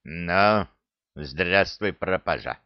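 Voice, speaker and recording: A man's voice: rumbling low, takes it slowly, no echo, highs cut off, voice pushed down, heavily acted. A man voicing a stern old male orc clan elder who growls and scolds. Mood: scolding.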